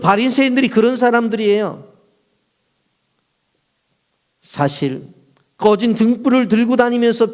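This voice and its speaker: Korean pastor preaching, rhetorical questions. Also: male voice, high voice, darkish tone. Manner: asks the congregation rhetorical questions and answers them; acts out quoted lines in short bursts. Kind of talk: sermon.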